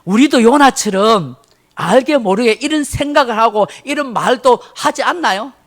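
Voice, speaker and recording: Pastor, middle-aged guy, sunday sermon, high voice, really expressive storytelling. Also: moderate pace. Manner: emotive, dramatic storytelling with acted quotes.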